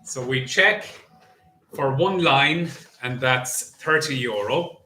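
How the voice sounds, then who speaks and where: An Irish man calls bingo in an echoey room with faint noise behind him. His voice is bright and forceful, and he announces at a slow, deliberate pace in the traditional bingo caller's way. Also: mid-range voice. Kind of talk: bingo calling, numbers announced digit by digit.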